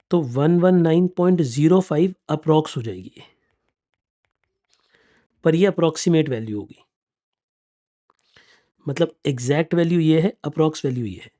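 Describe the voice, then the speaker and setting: A man's voice: a little high, warm tone. A man in his thirties giving a classroom lecture on finance, explaining step by step, checking often that students follow and calling them affectionately. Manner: calls students affectionately "beta" and "bachchon". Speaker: finance exam teacher.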